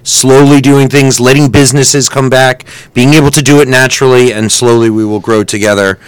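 A man's voice: mid-range voice, a little fast, clear, resonant tone, no room sound, low-quality recording. A man co-hosting a podcast in a studio, joking and laughing often in casual chat. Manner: jokey, animated, laughs often. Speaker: podcast co-host.

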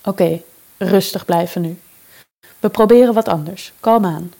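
A woman reading a novel aloud and voicing a calm, firm woman who gives orders in a crisis. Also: medium pitch, unhurried, gravelly. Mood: soothing. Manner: steady, commanding.

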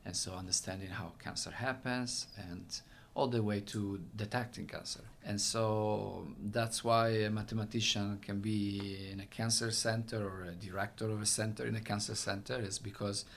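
A researcher and center director from Italy, speaking with a heavy Italian accent, explains his research in interview answers. His voice is fairly low and fairly bright, and he often fills pauses and restarts sentences, with faint background noise.

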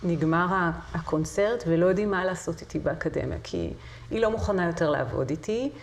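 A woman's voice: on the low side, darkish tone, a little hiss or hum. A middle-aged woman, a singer and voice teacher, telling her story as an interview guest, vivid and with hesitant fillers. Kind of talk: conversational interview.

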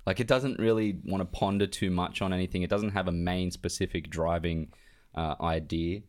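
A man's voice: low-pitched, steady tone, moderate pace, darkish tone. A man co-hosting a casual film review podcast, rambling and laughing a lot. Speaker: podcast co-host.

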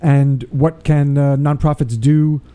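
A man's voice: fairly high pitch, flat delivery, dark tone, clear, resonant tone. A man hosting a podcast in a studio, introducing his guest and asking brief questions. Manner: brisk, with short acknowledgements. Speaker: podcast host. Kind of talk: interview.

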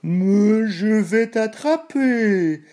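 A greedy cow with a drawn-out, mooing voice, slow and raised in pitch, as a man puts her on. The tone is mellow and lively, straight from a storybook. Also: heavily acted.

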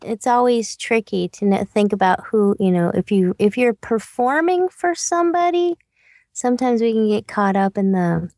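A woman's voice: fairly high pitch, animated, moderate pace, a little mellow, no echo, studio quality. A woman coaching a voice actor on a podcast, giving encouraging feedback and asking questions. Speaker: voice-over coach.

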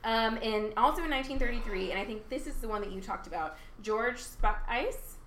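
A woman's voice: fairly high pitch, normal speed, a bit bright. A young adult woman co-hosting a podcast, chatting casually and rambling with many fillers and laughing asides. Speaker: podcast co-host. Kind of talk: casual chat. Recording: echoey room, faint noise.

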